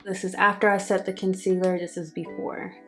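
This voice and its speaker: A woman's voice: fairly low pitch, little pitch movement, fairly quick. A woman vlogger chatting casually to viewers through a makeup review, her speech slightly affected by wearing a retainer. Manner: chatty, addresses viewers directly. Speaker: beauty vlogger. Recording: soft music behind the voice. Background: background music.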